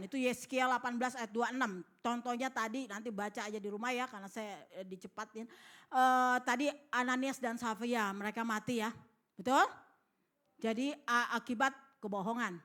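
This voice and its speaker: A woman's voice: fairly high pitch, fairly bright tone. A middle-aged woman pastor, preaching a sermon. She tells stories, acts out the voices in them and asks the congregation for responses. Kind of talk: sermon with storytelling. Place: church hall.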